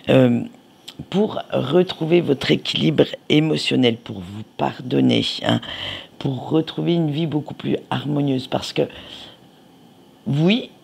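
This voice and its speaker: Gravelly, slow-talking man reading tarot. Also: medium pitch, darkish tone. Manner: chatty and informal, with many fillers and asides to viewers. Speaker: tarot card reader. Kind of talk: casual tarot reading for viewers.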